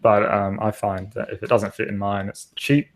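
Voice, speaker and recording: A man co-hosting a casual podcast, easygoing and quick to joke. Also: lowish voice, flat delivery. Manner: easygoing and joking. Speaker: podcast co-host. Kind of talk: casual chat.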